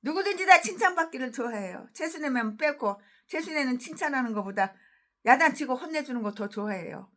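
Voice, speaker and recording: A woman pastor preaching an expository sermon in a blunt, colloquial way, jumping from loud emphatic outbursts to low asides. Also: animated, fairly quick. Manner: blunt and colloquial, laughs between points.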